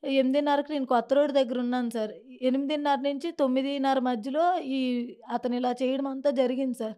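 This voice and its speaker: Young woman, high voice, Srikakulam Telugu accent, distressed pleading testimony, interviewee. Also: fairly even intonation, quick pace, warm tone. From Srikakulam, Andhra Pradesh. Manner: distressed, pleading, keeps addressing the interviewer as sir. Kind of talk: emotional testimony.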